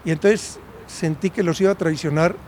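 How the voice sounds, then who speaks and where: Man in his 60s, raised pitch, reflective storyteller tone, faint street noise behind. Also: steady tone, moderate pace, a little mellow. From Medellín, Colombia. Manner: conversational, often checks in with a questioning "right?". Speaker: university professor. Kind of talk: storytelling in an interview.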